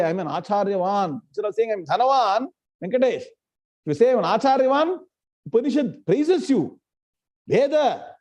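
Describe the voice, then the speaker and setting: Man, South Indian accent, high-pitched, very animated intonation, didactic scripture lesson, questioning delivery. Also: slightly rough. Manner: didactic, emphatic, questioning listeners directly. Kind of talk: live scripture lesson with line-by-line explanation.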